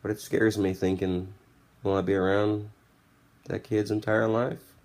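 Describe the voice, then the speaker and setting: A podcast host in his twenties delivers a candid, blunt, casual motivational monologue over background music. His voice is fairly low, flat, a little slow and a little mellow.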